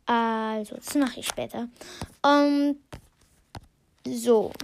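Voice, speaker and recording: Woman podcast host, high-pitched and slow, casual book commentary full of fillers. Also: fairly even intonation, gravelly, a little hiss or hum. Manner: thinking aloud with many fillers and restarts; reads short passages aloud, then comments on them.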